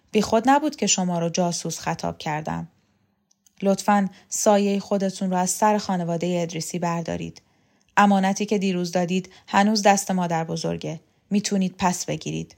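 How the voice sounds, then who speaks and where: Brief: sly, knowing man figure, calm and quick, storybook reading, voiced by a woman narrator. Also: lowish voice, gravelly. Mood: smug. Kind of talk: audiobook character voice.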